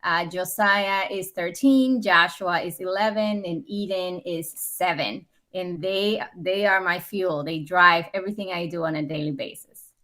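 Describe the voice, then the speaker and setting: A woman's voice: lowish voice, measured pace, pushed and bright. A woman in her forties from the Dominican Republic, raised in New York, sharing her story as a podcast guest in an earnest, upbeat way. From Dominican Republic, raised in New York City. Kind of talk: conversational interview.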